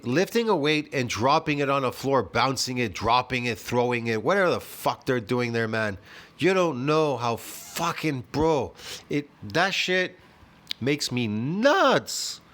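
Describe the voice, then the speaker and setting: This is a man in his fifties sounding off from home in a high-pitched voice. He is scornful and foul-mouthed, and he peppers every rant with "man" and "bro.". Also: sing-song, a little slow, a bit bright. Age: 50s. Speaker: fitness video host. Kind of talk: ranting reaction commentary.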